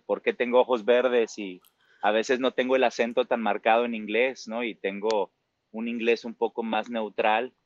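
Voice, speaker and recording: A man's voice: on the low side, no room sound, muffled recording. A Mexican man in his forties with a Mexican Spanish accent, a musical theater performer talking reflectively in an interview, full of fillers and tag questions. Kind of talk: casual interview talk.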